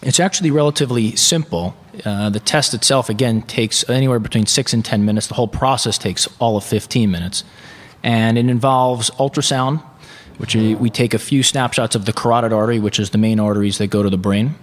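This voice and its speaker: A man's voice: medium pitch, brisk. A man, a physician guest on a live radio show, explaining a screening test earnestly with some fillers. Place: reception hall. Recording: long hall reverb from live venue.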